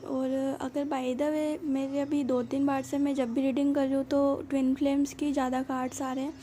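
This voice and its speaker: Speaking somewhat quietly in a high-pitched voice, a woman chats through a relaxed tarot reading aimed straight at her viewers. She's reassuring and loose with fillers, and a slight hiss or hum can be heard.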